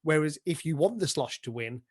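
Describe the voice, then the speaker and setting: With a fairly quick, expressive voice pitched on the high side, a British man talks casually as an interviewee. He's a pantomime dame and director discussing stagecraft, enthusiastic and rich in illustrative examples.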